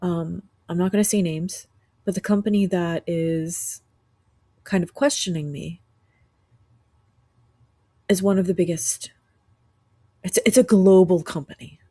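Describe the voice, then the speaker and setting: A woman podcast host, sick and rough-voiced, talking earnestly from her couch at home in a reflective spiritual monologue with frequent restarts. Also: on the low side, fairly even intonation, a little slow, pauses often, mellow, dry recording.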